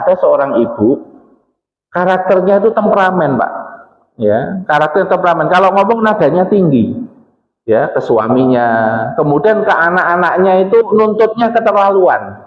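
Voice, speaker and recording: A man with a Javanese accent preaching in a mosque, chatty and questioning the congregation. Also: a little high. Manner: conversational, asks the congregation questions, mixes in Javanese. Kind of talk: religious study talk. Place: mosque hall. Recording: echoey hall, dull lo-fi sound.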